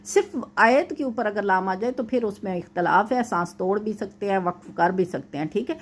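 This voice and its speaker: A woman at an ordinary mid pitch teaches Quran recitation, patiently going through a student's mistakes one rule at a time. She explains each point carefully and checks in often with a short "okay". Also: animated. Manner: recites verses slowly and drawn out.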